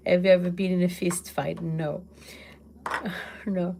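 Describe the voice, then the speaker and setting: A middle-aged Portuguese woman with a Portuguese accent, chatting loudly to her livestream viewers from her home kitchen, laughing often. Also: fairly low pitch, little pitch movement, takes it slowly, creaky. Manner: loud, laughs often, exclaims. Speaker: livestream host. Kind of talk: casual livestream chat answering comments.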